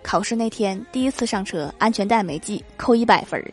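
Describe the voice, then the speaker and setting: A young woman host reading funny anecdotes as comic narration, with lively storytelling that acts out the quoted lines. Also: medium pitch, a little fast, noisy background. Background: background music.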